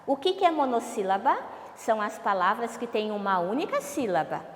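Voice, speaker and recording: A woman's voice: fairly high pitch, very animated. A woman teacher giving a televised class lesson, drawing out each syllable and asking questions she then answers herself. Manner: slow, drawn-out syllables, asks questions and answers them. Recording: echoey room with long reverb.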